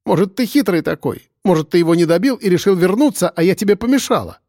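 A man's voice: sits high, lively intonation, quick pace, mellow, no room sound, studio quality, pitched above the performer's own voice. A man reading an audiobook, voicing a young woman who shrieks her accusations in hatred. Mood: tearful. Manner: screeching, accusing.

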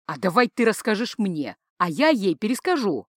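A woman doing a weary, calm male mage. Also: normal speed, no echo, clean studio sound. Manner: low, tired, patient tone.

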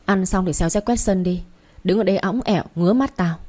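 A woman reading the part of a harsh, spiteful senior wife who scolds in a shrill, hissing way, in a narrated story. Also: fairly quick, mellow, natural voice. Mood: scolding.

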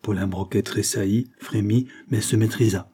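A man reads aloud in a low, husky voice, taking the prose at a measured literary pace. His tone is dark and mellow, and he narrates steadily. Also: fairly even intonation. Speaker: audiobook reader. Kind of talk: scripted narration.

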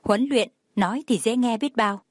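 A woman narrating an audio novel in a steady storytelling manner. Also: on the high side, moderate pace, no echo, studio quality.

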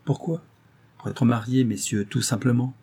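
A man voicing a proud, sharp-tongued former actress in an audiobook, cool and biting. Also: medium pitch, moderate pace, breathy edge. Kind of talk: audiobook character voice.

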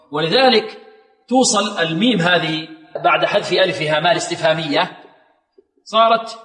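A man with a high voice leads a recitation lesson, posing questions to his listeners and then answering them himself. He stretches words out slowly and repeats them so they can be imitated. The recording rings with the long reverb of a large hall. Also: sharp tone. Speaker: Quran recitation teacher.

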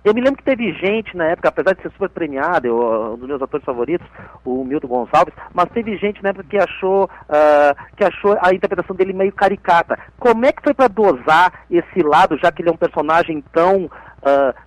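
Radio interviewer, man with a gaúcho accent, fairly high voice, dry close sound, halting delivery. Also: animated, dry recording, highs cut off. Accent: gaúcho Brazilian Portuguese. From Piauí, Brazil. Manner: hesitant, full of restarts and fillers.

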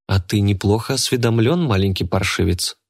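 A man's voice: on the low side, a little fast. A man voicing a spiteful, scheming woman who charms snakes, speaking in a contemptuous, snapping manner. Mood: sneering.

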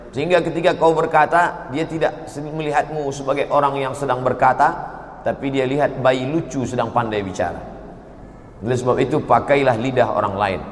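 A man preaching a sermon, asking rhetorical questions and chanting Arabic verses. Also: a little high. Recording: roomy hall reverb.

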